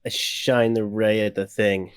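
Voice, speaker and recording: A man's voice: on the low side, little pitch movement, unhurried, clear, resonant tone. A man chatting casually as a player in a tabletop role-playing game.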